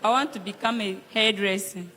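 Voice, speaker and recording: A woman's voice: mid-range voice, brisk, pushed and bright, long reverb tail, slight background noise. Polite young woman introducing herself. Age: young adult. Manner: polite, formal, starting with please. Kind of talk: short self-introductions.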